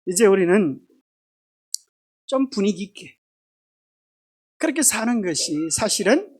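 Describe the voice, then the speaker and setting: A woman pastor preaching in church, lively and joking, asking the congregation questions. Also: fairly low pitch. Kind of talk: sermon. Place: church sanctuary.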